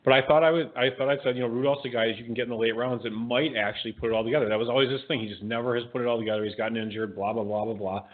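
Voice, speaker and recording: A man co-hosting a podcast in casual chat, giving quick, chatty opinions and correcting himself as he goes. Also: mid-range voice, steady tone. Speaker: podcast co-host. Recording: phone-like narrow sound.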